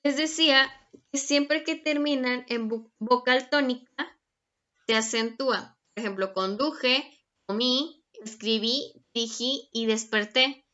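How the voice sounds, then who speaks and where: A woman's voice: high voice, slow pace, pushed and bright. A young woman teaching a grammar lesson, patient and checking in often with her students. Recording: dull lo-fi recording.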